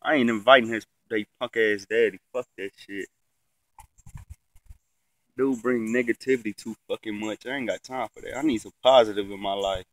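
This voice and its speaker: A man's voice: fairly low pitch, steady tone, normal speed, no echo, poor audio. Young man vlogging with a stuffy nose. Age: young adult. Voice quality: stuffy-nosed, congested sound. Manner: slangy, laid-back, swearing freely. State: sick with the sniffles. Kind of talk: casual rambling vlog chat. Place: outdoors in a yard, reclining in a chair. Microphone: phone at arm's length.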